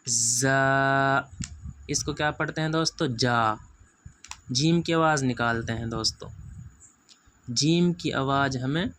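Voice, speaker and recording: A man teaching beginner Quran reading, drawing out each letter sound slowly and patiently, repeating and correcting common mistakes. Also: fairly high pitch, fairly bright tone, a little hiss or hum. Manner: patient, repetitive, drawn-out letter sounds, keeps saying "friends". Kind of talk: letter-by-letter pronunciation lesson.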